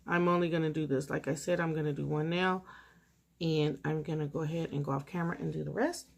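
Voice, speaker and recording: A woman with a slightly low voice talks casually to her viewers while doing her nails at home. She is relaxed and chatty, narrating each step as she works. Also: fast, vocal fry. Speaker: nail art vlogger. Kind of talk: casual tutorial chat.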